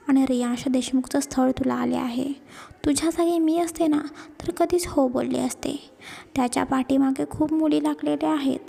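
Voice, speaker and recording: A woman voicing a cheerful young friend who gently persuades. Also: high voice, vocal fry, husky, full character voice. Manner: persuasive, warm.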